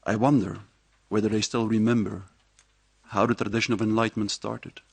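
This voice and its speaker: Gravelly low-voiced male professor. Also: little pitch movement, no echo. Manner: measured, reflective lecturing. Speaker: university professor giving a talk. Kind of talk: public speech at a presentation. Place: live event before an audience.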